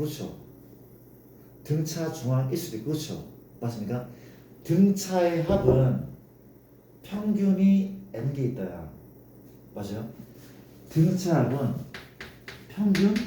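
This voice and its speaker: A man's voice: mid-range voice, dark tone. A male math teacher lecturing a class, coaxing students and constantly checking that they follow. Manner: coaxing, keeps asking students to confirm. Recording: echoey room, distant mic, faint noise.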